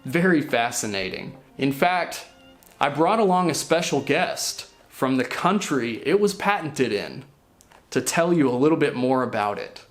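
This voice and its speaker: Guy narrating skate history, curious and earnest, soft music under it. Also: medium pitch, expressive, measured pace. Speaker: host. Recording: faint music behind.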